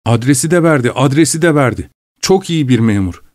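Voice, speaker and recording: A man's voice: medium pitch, lively intonation, brisk, a little mellow, dry recording, pitched above the performer's own voice, lightly acted. A man reading aloud and voicing a drunk, insolent male servant who repeats himself stubbornly; dry, close recording. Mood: rambling.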